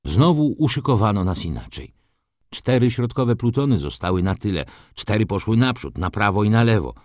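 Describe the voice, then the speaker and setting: A man reading a story aloud in the first person, with expressive scripted narration. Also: fairly low pitch, normal speed, no echo, clean studio sound. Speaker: audiobook narrator.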